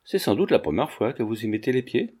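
A man's voice: mid-range voice, sing-song, fairly quick, a little mellow, breathy edge. A man reading a streetwise, saucy young woman fortune-teller in an audiobook, in a slightly raised voice.

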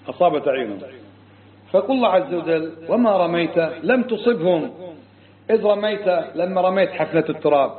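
A man teaching a religious creed class, emphatic and firing rhetorical questions at his students. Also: on the high side. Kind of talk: religious lesson. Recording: tinny phone-like lo-fi recording.

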